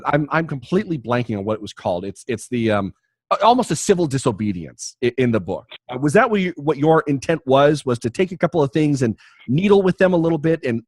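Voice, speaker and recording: Lively, jokey male podcast host. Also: mid-range voice, fairly quick, no echo, clean studio sound. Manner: jokey, rambling, many restarts. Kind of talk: casual podcast chat and promo read.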